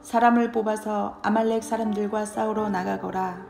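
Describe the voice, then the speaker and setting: A woman's voice: mid-range voice, fairly even intonation, normal speed, gravelly, a little mellow, close to an everyday voice. A woman reading the lines of Moses, an older male leader, in a Bible story. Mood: earnest. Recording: roomy with background music.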